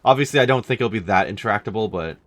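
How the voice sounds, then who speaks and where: A man's voice: lowish voice, lively intonation, very fast, background noise. A man commentating casually as he plays a game, thinking aloud in a dry way. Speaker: gaming let's-player.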